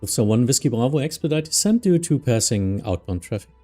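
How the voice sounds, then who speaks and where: Mellow German man working air traffic control. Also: medium pitch, lively intonation, fairly quick, faint music behind. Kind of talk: air traffic control radio phraseology and casual commentary.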